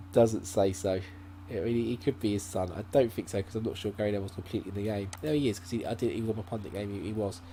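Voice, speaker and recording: A man hosts a gaming channel in a lowish, warm voice, speaking briskly. He gives rambling, casual let's-play commentary, thinking aloud with lots of fillers and restarts. A desk mic at his laptop captures it, along with a faint laptop hum.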